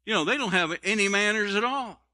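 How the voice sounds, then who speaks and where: A man's voice: sits high, fairly quick, sharp tone, pitched above the performer's own voice. A man preaching voices a Canaanite mother who complains, indignant and folksy, that she is being ignored. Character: indignant Canaanite mother pleading for her daughter.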